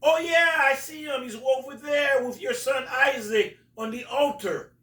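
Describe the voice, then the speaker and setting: A man voicing a huge, eager, helpful male giant with a high, excited exclaiming voice. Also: measured pace, exaggerated voice. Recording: roomy echo, distant from mic.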